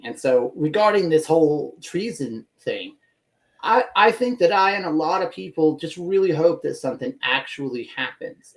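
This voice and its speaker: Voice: mid-range voice, poor audio. A podcast co-host in casual political chat, talking emphatically with sardonic asides and frequent stammered restarts.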